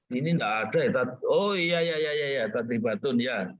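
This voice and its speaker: A man taking part as a student in an online class, speaking slowly while searching his book. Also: mid-range voice, lively intonation. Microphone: video call. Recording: muffled video-call audio.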